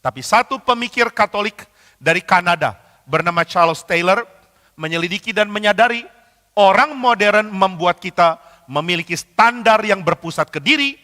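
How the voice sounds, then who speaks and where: High, bright-voiced preacher in a reverberant hall. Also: male voice, animated, normal speed. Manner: acts out quoted dialogue, rises to emphatic repeated lines. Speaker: pastor. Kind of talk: sermon.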